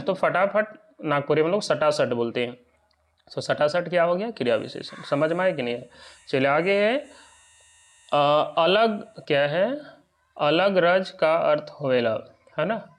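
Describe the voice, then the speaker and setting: A man teaching an exam lesson. He often checks whether his listeners are following. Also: on the high side.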